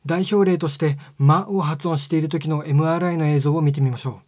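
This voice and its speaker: A man giving a scripted lesson on speech sounds, explaining step by step in a calm, polite way. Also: on the high side, a little fast, dry recording, clean studio sound. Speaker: phonetics teacher.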